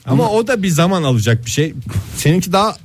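A man's voice: sits high, sing-song, fast, no echo. A man co-hosting a casual comedic chat in a studio, dropping dry, witty quips. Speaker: podcast co-host. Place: studio with a window.

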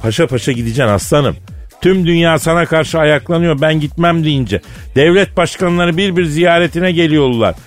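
A man's voice: on the high side, moderate pace, no room sound, faint music behind. A man hosting a comic radio show, teasing his partner with a mock-serious tale in a studio. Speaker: radio comedy host.

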